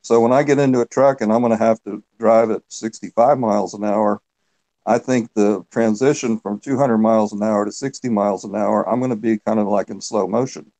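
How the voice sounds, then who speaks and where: A man's voice: fairly low pitch, fairly even intonation, fairly quick, warm tone, low-quality recording. A man who once worked as a geologist, giving plain explanations as a guest on a video call.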